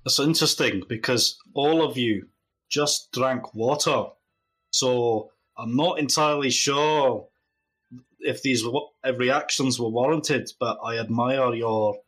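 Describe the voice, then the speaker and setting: Brief: a man as a gruff tavern keeper, unimpressed, husky mid-pitched voice. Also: slow pace, fairly bright tone, faint music behind, rough recording. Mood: dry. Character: gruff older male tavern owner interviewing staff.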